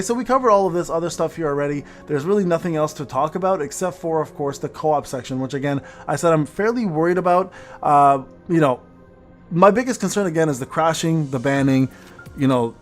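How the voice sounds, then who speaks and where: A man giving a casual, rambling rundown of game updates as a video host, often stumbling and repeating his words. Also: medium pitch. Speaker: gaming content creator hosting an update video. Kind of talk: casual news rundown commentary.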